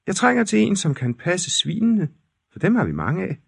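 A man puts on a fussy old storybook emperor, pitched far above his own voice and drawn out slowly, with a husky edge. The voice sounds dry and close, with no room around it. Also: huge pitch swings, no room sound, exaggerated voice. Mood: considering. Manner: high, slow and deliberate.

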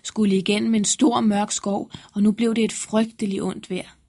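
A woman narrating a fairy tale in a lively storytelling manner. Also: medium pitch.

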